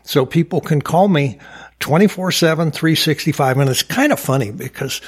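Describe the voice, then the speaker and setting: A man with a husky, slightly breathy voice, answering interview questions as a local politician. He sounds proud and upbeat, stacking up achievements with plenty of uh and restarts. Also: on the high side, normal speed. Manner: upbeat, boastful, frequent uh fillers. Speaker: mayor and county supervisor candidate.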